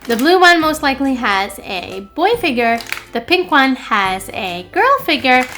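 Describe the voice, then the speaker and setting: Slow, bright-voiced cheerful woman. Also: sits high, big pitch swings, faint music behind. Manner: cheerful, step-by-step explaining. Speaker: toy unboxing host. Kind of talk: narrating a toy unboxing for children.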